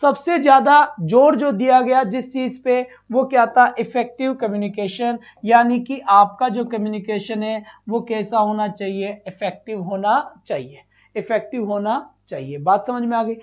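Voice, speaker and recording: Teaching an online exam-prep session, this man asks his own questions, answers them, repeats each point and praises his students, calling them his children. His pitch is extremely high, his pace a little slow, and the recording has its highs cut off.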